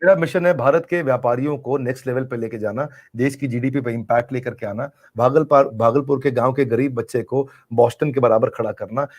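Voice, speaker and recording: A man's voice: mid-range voice, brisk, hardly any pauses, darkish tone. A middle-aged man answering interview questions in an earnest, emphatic way, repeating key phrases for effect. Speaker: business coach being interviewed.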